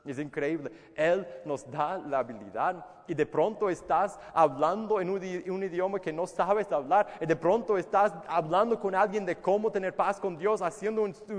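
A man preaching a sermon, his voice set somewhat high for a man. He often repeats words and fires off rhetorical questions. His voice carries a long reverb from a church hall. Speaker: pastor.

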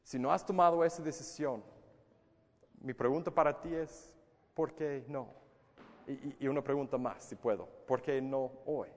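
A man's voice: medium pitch, moderate pace. Guy preaching a sermon, repeats himself a lot, lots of questions to the crowd, long echo in a church hall. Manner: repeats words, many rhetorical questions. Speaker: pastor.

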